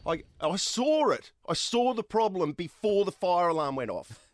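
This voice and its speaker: An Australian man telling a rambling, self-deprecating story in an animated, casual chat on air. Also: high-pitched, moderate pace, dry recording.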